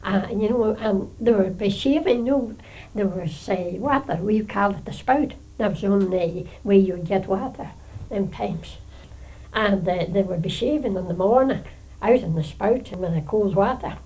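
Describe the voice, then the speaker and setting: A woman's voice: medium pitch, moderate pace, mellow, rough recording. An older woman with a Northern Irish accent, reminiscing casually in homely, hesitant phrases. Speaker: local resident sharing memories.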